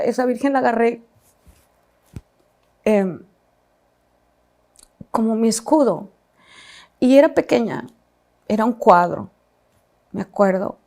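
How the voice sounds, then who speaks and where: With a warm tone that sits on the high side, a woman recounts her own painful experience as personal testimony. She speaks haltingly and reflectively, with pauses and restarts.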